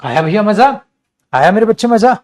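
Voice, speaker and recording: A middle-aged man teaching an exam-prep English lesson, calling students "beta", stretching out key words and reading sentences slowly. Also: high voice, big pitch swings.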